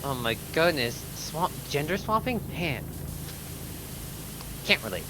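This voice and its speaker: Animated gamer chatting over clear background noise. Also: mid-range voice, slow pace. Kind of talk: casual banter while playing a video game.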